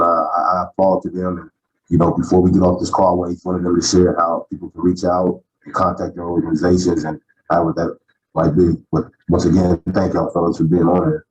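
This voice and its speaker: A man's voice: deep voice, darkish tone, lo-fi sound. A man moderating a panel call, talking casually with repeated words.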